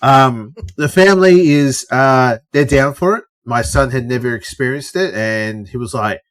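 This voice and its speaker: This middle-aged Aussie podcast co-host talks a little slowly, his medium-pitched voice animated. Chatting casually, he spins stories, plays out what others said, and swears without much thought.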